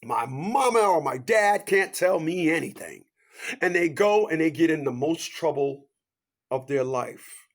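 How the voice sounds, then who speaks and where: A man in his fifties preaches motivation in a fairly high voice with lively intonation and a measured pace. Rhetorical questions and recurring catchphrases fill his talk as he shifts sharply between loud, raised lines and quiet, low asides.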